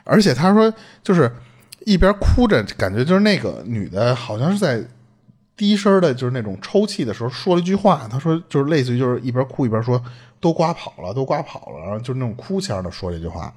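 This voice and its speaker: Man, podcast host, spooky storytelling, fast talker, lively swooping pitch. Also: husky. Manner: animated, swearing, acts out quoted speech. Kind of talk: casual storytelling chat.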